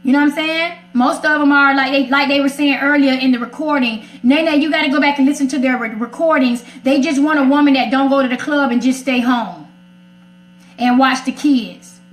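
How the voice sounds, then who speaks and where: An American woman with a high voice speaks a little fast, with a roomy echo. Hosting a casual radio chat segment, she's outspoken, sassy and emphatic in giving her opinions.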